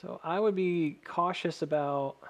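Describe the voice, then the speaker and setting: A man with a slightly high voice talks through technical analysis casually, as if thinking aloud. His s sounds carry a faint whistle, and his delivery is measured and careful, qualifying points as he goes. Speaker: stock chart analyst addressing viewers. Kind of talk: casual technical chart commentary.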